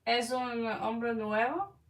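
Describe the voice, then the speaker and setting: A slightly tired woman giving an informal card reading in halting, Spanish, searching for words. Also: on the high side. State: a little tired. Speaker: tarot card reader. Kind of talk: casual, informal one-on-one reading. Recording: distant mic with faint background noise.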